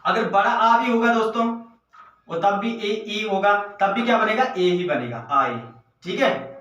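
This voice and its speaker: A man's voice: sits high, a little slow, bright, forceful tone. A man teaching a grammar lesson for exam preparation, asking and answering his own questions over and over and calling the viewers his friends. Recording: echoey room, mic at a distance.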